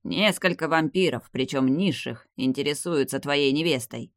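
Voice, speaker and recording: A man reading the part of an old vampire clan head, the narrator's grandfather, in a grave, measured, weary manner. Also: a little high, fairly bright tone, dry recording, clean studio sound. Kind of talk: audiobook character reading.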